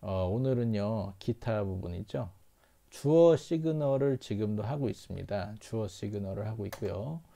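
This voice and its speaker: A man teaching English reading in a lecture, explaining slowly and repeating phrases as he asks and answers his own questions. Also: fairly low pitch, animated, gravelly, dark tone. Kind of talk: lecture-style lesson.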